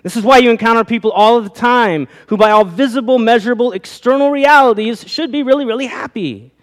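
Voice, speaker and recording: A man's voice: extremely high pitch, brisk. A pastor preaching a sermon, asking his listeners rhetorical questions, his voice rising and falling. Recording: long reverb of a hall.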